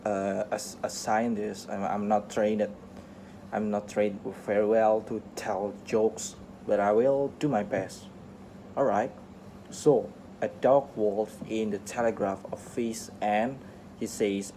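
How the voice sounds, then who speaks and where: A man reading an interview script aloud for listening practice, halting often, restarting words and slipping on phrases. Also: fairly low pitch, warm tone, a little hiss or hum. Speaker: English teacher reading a radio interview aloud.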